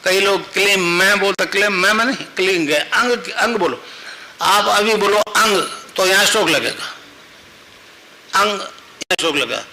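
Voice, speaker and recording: A man's voice: high voice, expressive, moderate pace, gravelly, bright, forceful tone, a little hiss or hum, low-quality recording. An older man, a spiritual teacher giving a discourse to a live gathering, explaining with repetition and chanting mantras rhythmically. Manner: explains with repetition and questions to the crowd.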